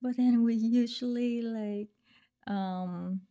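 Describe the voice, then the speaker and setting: Young vietnamese-accented woman, slow, soft warm tone, lots of ums, chatting on a podcast. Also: fairly high pitch, steady tone. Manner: hesitant, many fillers, laughs lightly. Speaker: guest singer. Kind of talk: casual interview chat.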